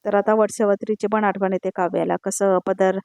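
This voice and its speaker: A woman's voice: medium pitch, little pitch movement, brisk, creaky, darkish tone, no echo, dull audio. A woman giving a casual spoken recap of a TV serial episode, chatting along and tagging each quoted line with who said it. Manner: conversational, repeats "now she says" tags between quoted lines.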